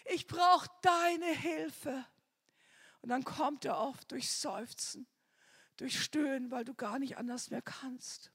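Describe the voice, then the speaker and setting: A woman preaching a sermon with fervor, her delivery swinging from soft, near-whispered prayer to loud cries. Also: sits high, a little slow, slightly rough.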